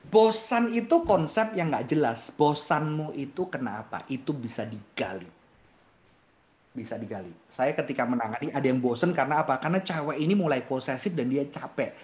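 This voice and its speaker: Male speaker, 30s to 40s, mid-pitched voice, lively seminar delivery with frequent laughter. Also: fairly quick. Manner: animated, laughs often, acts out quotes. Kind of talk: seminar talk answering youth questions.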